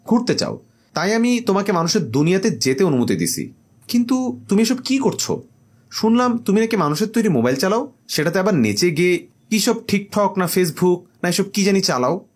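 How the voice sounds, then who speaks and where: Scolding jinn father voiced by a guy, stern, husky. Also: sits high, pitched above the performer's own voice, heavily acted.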